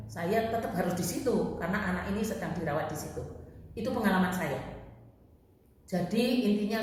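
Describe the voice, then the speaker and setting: A woman preaching at a church prayer meeting, retelling a story with emotion and often addressing her listeners directly. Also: mid-range voice. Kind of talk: sermon with a retold story. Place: church hall. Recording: echoey church hall, long reverb.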